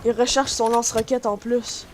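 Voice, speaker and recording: A woman with a Quebec French accent giving chatty, excitable commentary on her gameplay to her viewers. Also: on the high side, moderate pace. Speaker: gaming YouTuber. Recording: noisy home recording.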